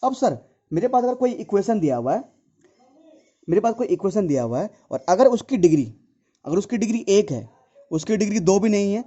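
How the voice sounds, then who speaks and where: Dark-voiced male math tutor. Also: sits high. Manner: repetitive, asks and answers his own questions, addresses students as dear children. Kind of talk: classroom-style math lesson. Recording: dull lo-fi sound.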